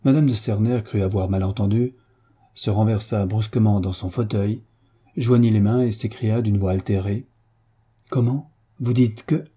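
A man narrating a classic novel as an audiobook in a measured storytelling manner. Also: fairly low pitch, fairly even intonation, warm tone, breathy edge.

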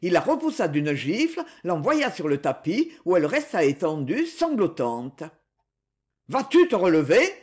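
An audiobook narrator reading dramatic literary prose in a steady, expressive storytelling manner. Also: mid-range voice, moderate pace, few pauses.

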